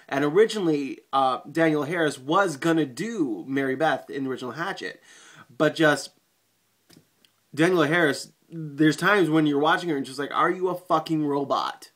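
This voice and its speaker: A man's voice: fairly high pitch, a bit bright. A man giving a casual video movie review, rambling with frequent swearing, fillers and restarts.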